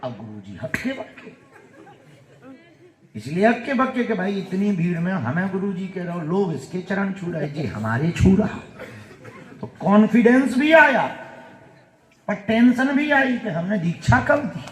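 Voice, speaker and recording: A man preaching a sermon, telling a folksy story with chuckling asides and sudden loud exclamations. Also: high-pitched, sing-song, measured pace, reverberant. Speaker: spiritual preacher.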